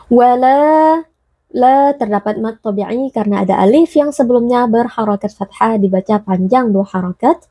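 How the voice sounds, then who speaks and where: A woman's voice: on the high side, dark tone, breathy edge, no room sound. Dry-voiced woman teaching tajwid. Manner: explains rules slowly, then recites words drawn out. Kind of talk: Quran recitation lesson.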